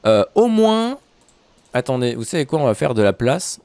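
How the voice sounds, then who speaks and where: A young man chatting excitedly to his viewers while commenting on his own gameplay. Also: medium pitch, moderate pace. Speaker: gaming YouTuber. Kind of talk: Minecraft let's play commentary.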